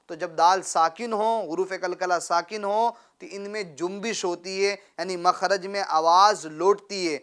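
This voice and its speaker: Guy teaching quran recitation, smooth clear voice, keeps asking the kid to repeat, says very good a lot. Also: sits high, fairly even intonation, few pauses, fairly bright tone. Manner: asks questions and has the pupil repeat, praising often. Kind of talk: patient call-and-response teaching.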